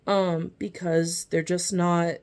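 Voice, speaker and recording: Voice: mid-range voice, little pitch movement, slow. A gardening vlogger chatting casually through an unboxing, rambling with lots of fillers and apologetic asides, sometimes reading packet text aloud. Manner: reads seed-packet descriptions aloud. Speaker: gardening video host. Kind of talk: casual unboxing and seed review.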